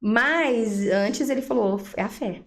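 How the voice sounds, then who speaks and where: A woman with a Brazilian Portuguese accent, a guest giving a personal faith testimony, telling her story in a lively way and acting out the dialogue she quotes. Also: a little high, takes it slowly, a crowd in the background. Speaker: interview guest.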